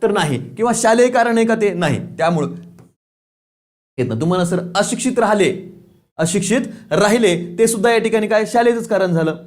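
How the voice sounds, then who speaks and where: Man, high voice, online lecture, teacher, rhetorical questions, repeats key points. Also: expressive, fairly quick, darkish tone. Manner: asks questions and answers them himself; repeats key points, says "lakshat theva". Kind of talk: online exam-prep lecture.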